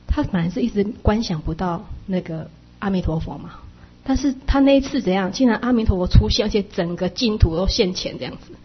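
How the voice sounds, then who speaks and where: A woman with a husky, breathy voice explains Buddhist teachings in a chatty sermon, softening her sentences with little particles. The recording sounds dull and lo-fi. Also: mid-range voice. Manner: chatty, with frequent soft sentence-final particles.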